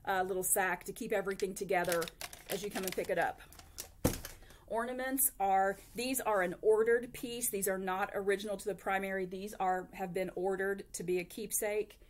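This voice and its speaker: A woman's voice: medium pitch, slight background noise. Chatty older woman announcing at a whiteboard. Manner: friendly, chatty, with frequent fillers and restarts. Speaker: school district administrator. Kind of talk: informal announcement to camera. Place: small office in front of a whiteboard. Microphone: laptop webcam at close range.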